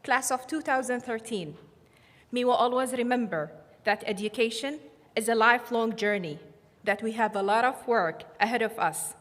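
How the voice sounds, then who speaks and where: A woman from giving an earnest, measured graduation speech on behalf of her class. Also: fairly high pitch, a bit bright. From Saudi Arabia. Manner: earnest, measured, slightly halting delivery. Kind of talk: formal commencement speech. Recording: long hall reverb.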